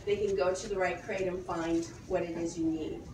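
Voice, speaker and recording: A woman's voice: fairly low pitch, fairly even intonation, normal speed. A woman guiding an informal tour, explaining things as she goes, recorded in a large indoor warehouse. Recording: echoey, noisy warehouse, distant microphone. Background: loud warehouse ambience.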